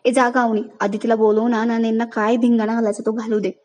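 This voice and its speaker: A woman's voice: a little high, little pitch movement, fast talker, a little mellow, close to an everyday voice. Fussy bossy grandmother, read by a woman.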